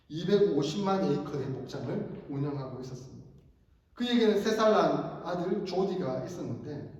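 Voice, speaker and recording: A male pastor preaches a sermon, explaining his points and telling a story with rhetorical questions. His voice sits fairly high. He is recorded from far off in a church sanctuary with a long, echoing hall sound. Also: darkish tone.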